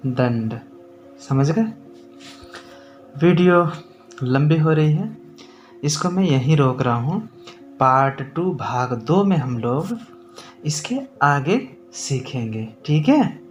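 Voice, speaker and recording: Man, teacher, very slow deliberate speech, fairly high voice, faint music behind. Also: lively intonation. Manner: slow, drawn-out syllables, frequent check-ins with the viewer. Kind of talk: pronunciation lesson for children.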